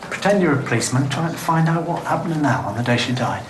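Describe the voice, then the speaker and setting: An actor playing a calm, dry detective. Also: male voice, fairly high pitch, quick pace, background noise, natural voice. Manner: calm, gently probing, dry. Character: patient, dry-witted male police detective. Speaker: police detective.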